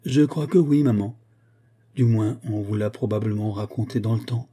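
A man's voice: lowish voice, moderate pace, warm tone, husky. A man voicing a remorseful, indignant young noblewoman in an audiobook, pleading earnestly. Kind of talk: audiobook character voice.

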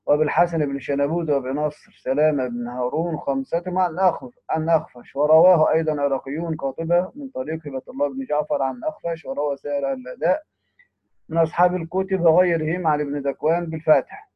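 Reading quoted classical text at a quick clip, a teacher of Quran readings breaks off now and then to add brief, simple explanations in a fairly even intonation. He sounds somewhat high-pitched for a man, and the lo-fi audio is dull, dry and close with no echo.

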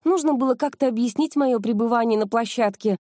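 A woman reading the part of a bold, quick-witted young woman in an audiobook. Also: on the high side, mellow, no room sound, clean studio sound, voice pushed up, natural voice. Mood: brisk.

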